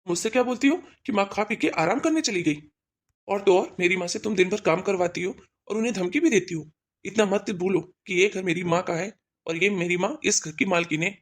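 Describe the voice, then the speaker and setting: A woman voicing a man in his thirties in a cartoon, a son and husband who scolds sternly and loudly. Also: mid-range voice, brisk, lightly acted. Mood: angry.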